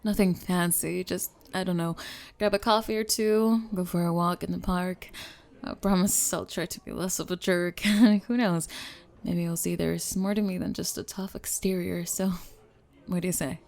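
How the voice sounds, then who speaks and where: A guarded, tough young woman, played by a woman in an ASMR dating role-play. Her voice is on the lower side, and she talks casually and haltingly, awkward about softening up. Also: fairly even intonation, gravelly. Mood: awkward, softened.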